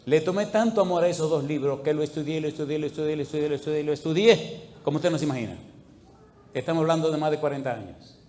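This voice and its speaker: A male pastor preaching a sermon, firing questions at the congregation and swinging between loud appeals and hushed asides. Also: a little high.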